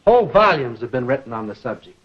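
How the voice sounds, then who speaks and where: On a 1950s film soundtrack, a middle-aged American man gives an educational lecture, measured and deliberate, posing rhetorical questions. His mid-range voice has a sing-song lilt, and the highs are cut off.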